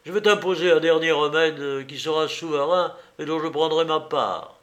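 A man voicing a boisterous young gentleman adventurer who speaks loudly and laughs often, in a storybook reading. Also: fairly high pitch, moderate pace, lightly acted. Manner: loud and exclamatory, with bursts of laughter.

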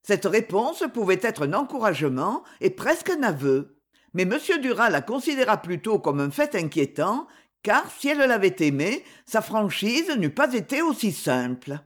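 A woman narrating a classic novel aloud in a measured, expressive storytelling manner. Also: medium pitch. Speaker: audiobook narrator. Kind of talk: scripted narration.

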